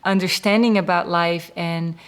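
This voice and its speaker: A woman with a slightly low voice reflects on her life in a panel discussion. She sounds sincere and grateful. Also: fairly even intonation, moderate pace, clean tone.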